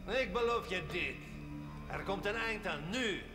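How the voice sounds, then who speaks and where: A cold, scheming game villain. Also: male voice, high-pitched, expressive, unhurried. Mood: menacing. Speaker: game character in a cutscene. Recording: echoey game cutscene audio under loud music.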